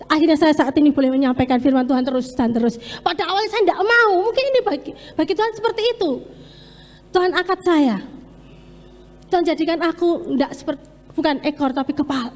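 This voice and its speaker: A woman's voice: sits high, fast talker. A woman giving an earnest, emphatic testimony in a church sermon. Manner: earnest, emphatic, slips into Javanese words. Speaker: lay preacher. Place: church hall. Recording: echoey church hall with long reverb.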